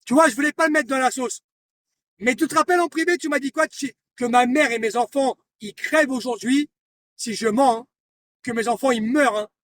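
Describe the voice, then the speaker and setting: A man with a very high speaking voice delivers a confrontational live-stream rant, taunting and hammering the same lines over and over. He sits some way back from the mic, and a faint hiss of noise runs under his voice. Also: brisk, fairly bright tone, far from the mic. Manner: confrontational, repeats himself, taunting. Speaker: livestreamer.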